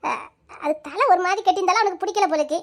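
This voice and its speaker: A woman's voice: very high-pitched, rapid-fire. A woman playing a blunt, gossipy older village mother of the groom. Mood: scolding. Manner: scolding, gossipy, preachy.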